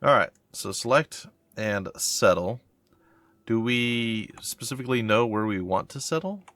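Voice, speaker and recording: With a cold-stuffed, congested voice, this man hosts a let's-play, reading tutorial text aloud and then reacting with mild puzzlement as he thinks out loud. His mid-range voice is expressive and fairly bright, moving at a measured pace, and the recording has no room sound.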